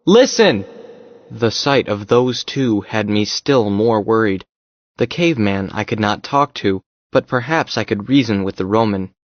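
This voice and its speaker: A man giving a steady first-person narration of an audiobook story. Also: on the low side, normal speed, dry recording, muffled recording.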